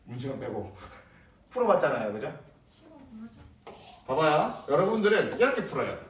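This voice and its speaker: A man's voice: a little high, sing-song, normal speed, a little hiss or hum. A young male English teacher lecturing a class, firing questions at students and repeating words as a drill, heard from a distance in a classroom. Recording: echoey room, voice from a distance.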